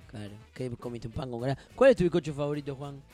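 A man's voice: medium pitch, quick pace, a little mellow, faint music behind. A man hosting a podcast, bantering and teasing his co-host in mock outrage. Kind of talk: casual joking chat. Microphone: studio podcast microphone.

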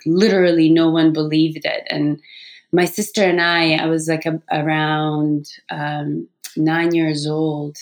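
A woman, telling her personal story informally as an interview guest. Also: on the low side. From Bosnia, born in Sarajevo. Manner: informal, peppers speech with "like". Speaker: podcast guest, yoga teacher.

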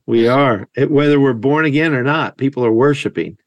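A man hosting a podcast, talking casually, and telling stories with animated quoted lines. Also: medium pitch, fairly quick, no room sound, dull audio. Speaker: podcast host. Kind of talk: casual conversational discussion.

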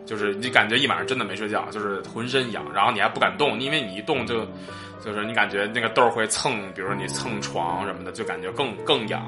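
Rambling man telling a story fast. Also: fairly low pitch, over music. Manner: rambling, many restarts and "然后" fillers, animated when quoting others. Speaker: podcast host. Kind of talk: casual storytelling chat.

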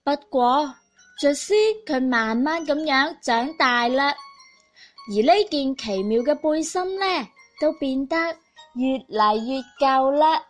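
Cantonese lady doing kids story narration, really high voice, music behind her. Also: takes it slowly. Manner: expressive, addressing small children. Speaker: children's storyteller. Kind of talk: scripted storybook narration for young children.

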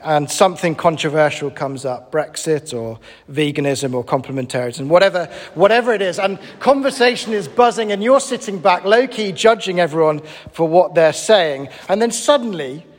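A man preaching a sermon in an animated, conversational and emphatic way. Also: high-pitched, normal speed, long reverb tail.

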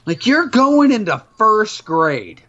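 A man's voice: high voice, big pitch swings, slow, pushed and bright. A middle-aged man with a New York accent co-hosting a podcast, telling stories in a sarcastic, profane casual chat. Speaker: podcast co-host. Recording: dull lo-fi sound.

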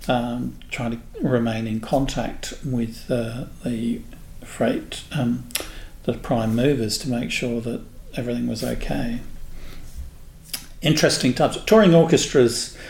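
A man in his sixties from England, a guest in an interview, telling unhurried stories about his past. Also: mid-range voice, steady tone, vocal fry, a little mellow. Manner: unhurried, anecdotal storyteller. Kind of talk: reminiscing in a casual interview. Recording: echoey room with faint noise.

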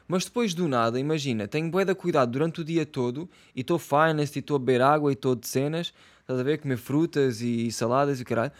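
A man's voice: mid-range voice, fast. A young man with a European Portuguese accent, ranting casually in slangy, swear-filled talk with lots of fillers. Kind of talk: casual rant.

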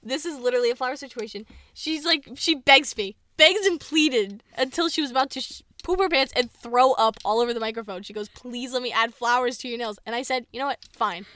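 A woman's voice: high voice, animated, a little fast, sharp tone, no room sound. A young woman co-hosting a podcast in casual chat, playful and teasing, often breaking into laughter. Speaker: podcast co-host.

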